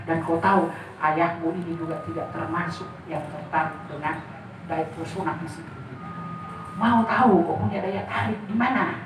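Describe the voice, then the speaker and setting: A woman voicing a low, gentle military father. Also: steady tone, normal speed, noisy background, lightly acted. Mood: counseling. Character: stern but loving father, a former military trainer. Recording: echoey room, voice from far off.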